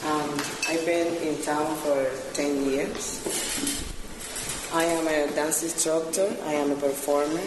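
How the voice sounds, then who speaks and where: A woman's voice: low-pitched, little pitch movement, takes it slowly, background noise. Woman from Cuba, distant in echoey hall. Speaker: dance instructor. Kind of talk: introducing herself at an event.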